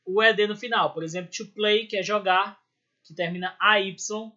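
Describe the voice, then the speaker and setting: A man's voice: sits high, steady tone, moderate pace, pushed and bright, dull audio. A man with a Brazilian Portuguese accent teaching an English grammar lesson step by step, often checking in with his students. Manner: explains step by step, checking in with "certo?" and "beleza?". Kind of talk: recorded school lesson.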